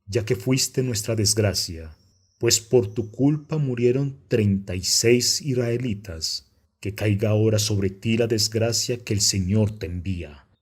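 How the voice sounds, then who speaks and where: A man's voice: on the low side, unhurried, breathy edge. A man reading a stern male leader who questions and condemns a thief in an audiobook. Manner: pressing, commanding.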